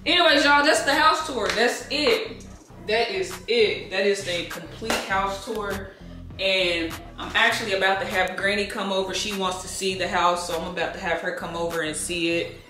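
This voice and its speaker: A woman's voice: medium pitch, normal speed, roomy sound, over music. A woman in her thirties giving a laid-back, chatty house tour to her viewers on a handheld camera. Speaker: vlogger. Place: indoors and backyard of a house.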